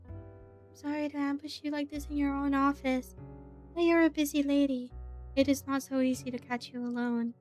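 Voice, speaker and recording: A woman reading as a calm, detached witch. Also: high voice, soft background music, close to an everyday voice. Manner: calm, measured, formal phrasing. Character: tall, composed female witch, cool and detached.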